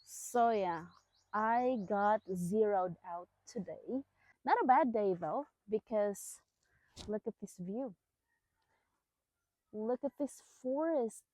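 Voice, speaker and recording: A woman speaks slowly and gently, like someone recording a reflective personal vlog. Her delivery is calm and unhurried, with a middle-range pitch. The sound is dry, with very little room echo. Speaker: vlogger.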